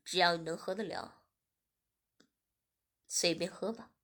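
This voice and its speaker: A woman reads a self-assured young man who teases everyone around him. The voice is pushed lower than her own and stays breathy. It is narrated audiobook-style. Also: steady tone, measured pace, fairly bright tone. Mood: smug teasing. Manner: smug, teasing.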